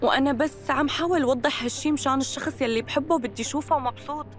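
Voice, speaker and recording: A woman's voice: sits high, fast talker, faint music behind, lightly acted. A woman in her thirties with a Syrian accent, playing a persuasive, manipulative young woman in dubbed TV drama, coaxing and insistent. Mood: smooth, needling.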